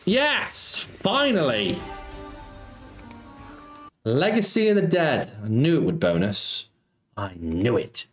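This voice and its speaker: With big pitch swings at a medium pitch, a middle-aged slots streamer from Nottingham, England talks slowly and pauses often. He reads viewer messages aloud on his live stream and greets people with cheeky banter. It's recorded in an echoey home room with faint music behind him.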